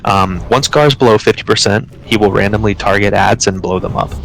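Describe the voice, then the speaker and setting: A man leading an online game raid, explaining tactics and then calling quick commands. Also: lowish voice, creaky, fairly bright tone, a little hiss or hum, rough recording. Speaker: raid leader. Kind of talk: live game commentary.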